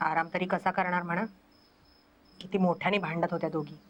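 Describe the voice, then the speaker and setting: A woman's voice: lowish voice, flat delivery, brisk, lo-fi sound, lightly acted. An actress playing a caring young wife in a TV drama, firm as she stops a family fight. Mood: concerned. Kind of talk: TV drama acting.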